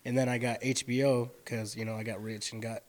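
A man in casual group chat, telling a relaxed personal story. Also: mid-range voice, fairly quick.

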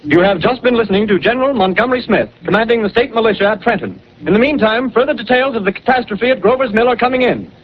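An actor playing a brisk male radio studio announcer, reading formal bulletins in an old newsreel manner, on a muffled 1930s radio broadcast. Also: very high voice. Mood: urgent.

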